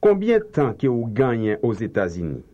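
A man's voice: medium pitch, wildly swooping pitch, moderate pace, warm tone. A man repeating phrasebook lines for a language course in a careful, lilting way. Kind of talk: slow scripted phrasebook drill. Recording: dull lo-fi tape recording.

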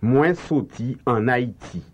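A man's voice: mid-range voice, expressive, slow pace, breathy edge. A man repeating phrasebook lines for a language course in a careful, lilting way. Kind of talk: slow scripted phrasebook drill. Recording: dull lo-fi tape recording.

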